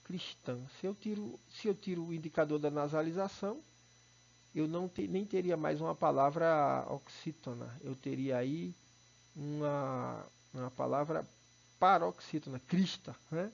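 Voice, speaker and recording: Brazilian male teacher, slightly high gravelly voice, patient explainer, dull recording. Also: moderate pace. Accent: Brazilian Portuguese. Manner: explanatory, checks in with students. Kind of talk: recorded online lesson.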